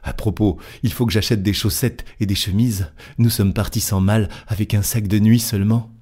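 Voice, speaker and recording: A man voicing a chatty, excitable young French manservant in an audiobook, talking eagerly and fast. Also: fairly low pitch, slightly rough. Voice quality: eager, quick, talkative. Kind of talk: audiobook character voice.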